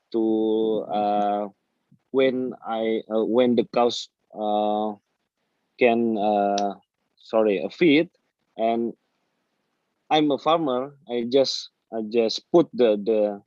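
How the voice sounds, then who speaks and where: An Indonesian man, a native speaker of that language, gives a slow, halting explanation with an Indonesian accent. He searches for words and sounds apologetic and hesitant. The audio is dull and roomy, like an online call. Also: medium pitch, a little mellow. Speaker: farmer speaking in a webinar. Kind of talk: halting informal explanation in English.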